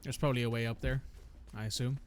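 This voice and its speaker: A man's voice: medium pitch, fairly even intonation, quick pace, a little hiss or hum. A man giving casual commentary while playing a video game, speaking with wry understatement. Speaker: let's player.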